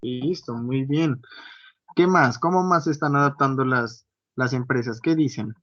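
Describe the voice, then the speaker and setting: A man's voice: medium pitch, unhurried, no echo. A man teaching an online class, constantly checking in with his students. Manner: frequent checking tags like "¿sí?". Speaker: university lecturer. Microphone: computer mic on a video call. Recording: dull lo-fi online call audio, dry.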